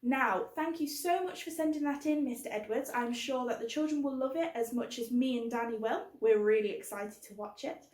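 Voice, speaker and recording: In an echoey indoor room, a woman runs a children's book club with what sounds like a scripted intro for young kids, keeping explanations simple and posing questions to them. Her voice is on the high side with a darkish tone, moving at normal speed with hardly any pauses.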